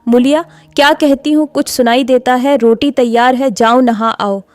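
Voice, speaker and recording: A sharp-tongued young village wife from a storybook, tart and needling, as a woman narrator voices her. The voice sits a little high and mellow, close and dry. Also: steady tone, normal speed, no echo, soft background music, natural voice.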